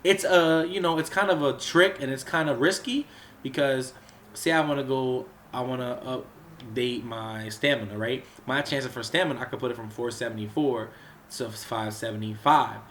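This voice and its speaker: A gaming channel host with a cold casually walks through a game's crafting menus, rambling with lots of fillers and restarts. Under the weather, he keeps coughing and clearing his throat, and his medium-pitched, slightly bright voice sounds a bit off at normal speed. There is a little hiss or hum.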